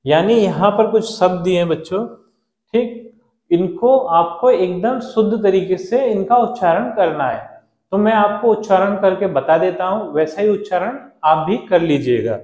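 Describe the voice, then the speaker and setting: High-voiced man teaching children. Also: a little mellow, roomy sound. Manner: patient, repeats and spells out words slowly. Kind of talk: explaining a school lesson to children.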